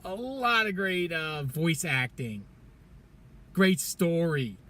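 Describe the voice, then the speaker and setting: Chatty, slightly high-voiced man reviewing films. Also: big pitch swings, slow, sharp tone. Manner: chatty, laughs often, stumbles and restarts words. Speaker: movie reviewer. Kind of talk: casual spoken film review. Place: parking garage.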